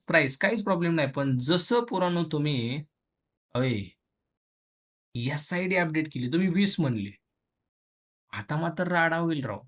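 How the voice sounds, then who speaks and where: During an informal coding lesson, a man speaks in a chatty, everyday style, weaving in English and quickly acting out the tables and students. His pitch is fairly high and his tone a bit bright.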